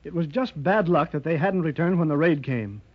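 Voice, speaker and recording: Husky, cautious second-in-command. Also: male voice, fairly high pitch, expressive, moderate pace. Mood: concerned. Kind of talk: old-time radio adventure acting. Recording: dull lo-fi old radio recording.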